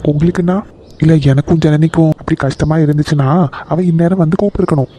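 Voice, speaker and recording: A man's voice: a little high, fairly even intonation, fast, warm tone, a little hiss or hum, lightly acted. A man voicing a polite young son-in-law in a cartoon, urgently coaxing his in-law to come inside. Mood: earnest, coaxing. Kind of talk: Tamil cartoon voice acting.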